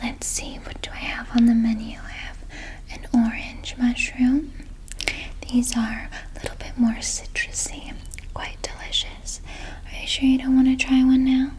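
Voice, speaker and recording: A woman doing a whispered role-play as a gentle, nurturing flower fairy, in a soft breathy whisper with a soothing, unhurried manner. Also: high-pitched, flat delivery, poor audio.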